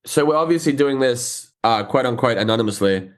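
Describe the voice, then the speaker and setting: A man hosting a podcast, relaxed and chatty, swearing casually. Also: mid-range voice, a little fast. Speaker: podcast host. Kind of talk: casual chat.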